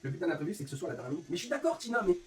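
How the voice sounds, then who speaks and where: A man's voice: fairly high pitch, distant mic. A man from France, a streamer and league organizer sick with a fever, ranting angrily and swearing constantly. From northern France. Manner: fuming, swearing constantly, rapid and animated. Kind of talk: angry live-stream rant. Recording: faint room ambience, off-mic.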